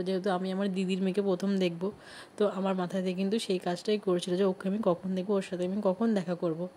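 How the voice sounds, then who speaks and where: A woman's voice: medium pitch, a little mellow. A woman narrating her vlog in a chatty way, explaining who each family member is. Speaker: vlogger.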